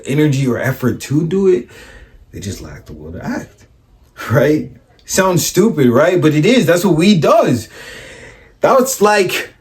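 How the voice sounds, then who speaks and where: Man, life coach, blunt and profane, casual storytelling, keeps asking "right?", voices other people's lines. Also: a little high. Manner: acts out other people's voices in his stories.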